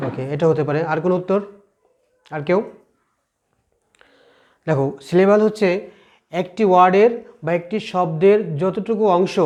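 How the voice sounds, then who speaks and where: A male teacher takes his students through an English lesson, asking questions and then repeating the answers himself. His voice sits high. He explains each point step by step and goes over it again. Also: a little mellow. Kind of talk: classroom lesson.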